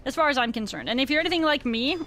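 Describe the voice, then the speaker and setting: High, bright, chatty woman streaming. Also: lively intonation, rapid-fire, faint music behind. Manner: chatty, rambling stream of talk; informal slangy phrasing. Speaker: video game streamer. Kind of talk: casual live-stream chat with viewers while gaming.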